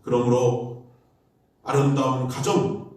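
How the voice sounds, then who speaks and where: A man's voice: mid-range voice, flat delivery, slow, darkish tone, heavy reverb, far from the mic, a little hiss or hum. A man preaching a Sunday sermon as pastor, a storyteller who acts out the voices of people in his stories. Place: church sanctuary.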